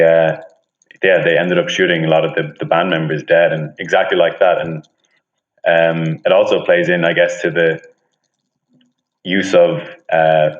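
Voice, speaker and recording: Guy, really low steady voice, earnest, phone call that sounds dull and roomy. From Ireland. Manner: earnest, thoughtful, speaks with conviction. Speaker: guest. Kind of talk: casual interview.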